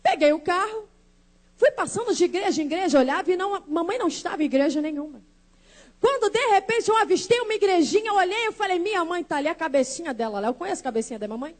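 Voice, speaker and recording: A woman's voice: very high voice, very animated, quick pace. A woman from Brazil giving an emotional church testimony, telling her story dramatically and acting out the voices of her family.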